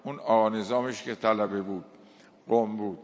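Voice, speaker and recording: A man from Iran delivering an impassioned sermon, piling up harsh lists of condemning words and slowly reciting Arabic verses with weight. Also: lowish voice, fairly even intonation, darkish tone. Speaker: cleric preacher. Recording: dull sound with long hall reverb.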